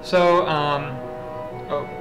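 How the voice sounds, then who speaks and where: A man's voice: a little high, level tone, very slow, rough recording. A man hosting a let's play, chatting casually in a rambling way with wry asides. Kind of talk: casual gameplay commentary. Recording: game music behind voice. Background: game music and dialogue.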